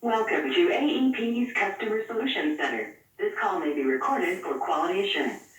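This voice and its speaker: A woman's voice: medium pitch, animated, brisk. Woman, recorded phone message, automated menu prompts, polite and scripted, very echoey, distant phone speaker. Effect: recorded phone message played over a phone speaker.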